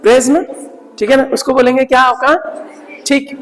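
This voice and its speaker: High-pitched male teacher, reverberant hall. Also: level tone, brisk, a bit bright. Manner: repeats words and checks with "ठीक है ना?". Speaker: English vocabulary teacher. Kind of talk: Hindi-English vocabulary lesson.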